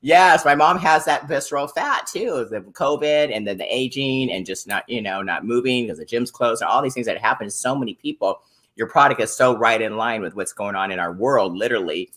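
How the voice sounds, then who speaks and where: A woman's voice: rumbling low, a little fast, a bit bright. A middle-aged woman hosting a casual interview, praising products with upbeat enthusiasm. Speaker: host.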